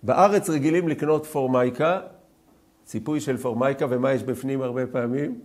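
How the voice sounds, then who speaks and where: A man teaching a scripture class, questioning his students and rising to loud, emphatic peaks. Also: medium pitch. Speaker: Torah teacher.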